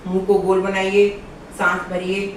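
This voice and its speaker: A woman's voice: mid-range voice, monotone, a little slow, slight background noise. A woman yoga instructor patiently guiding viewers step by step through breathing exercises. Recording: very echoey room, far from mic.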